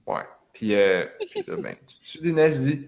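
Man, Quebec French accent, casual chat, rambling storyteller, mid-pitched voice. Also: very animated, moderate pace, creaky, darkish tone. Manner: rambling storytelling with frequent fillers. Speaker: gamer recounting a video game.

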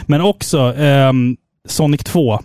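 A man's voice: a little high, a little mellow, no echo, clean studio sound. A man hosting a casual interview, an enthusiastic fan who chuckles as he talks. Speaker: interviewer, host.

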